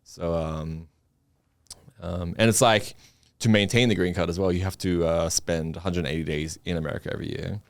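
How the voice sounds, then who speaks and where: A man's voice: sits low, fairly even intonation, normal speed, no room sound, studio quality. An Australian man talking casually as a podcast guest, rambling with lots of fillers and restarts. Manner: rambling, many likes and restarts, swears. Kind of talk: casual chat.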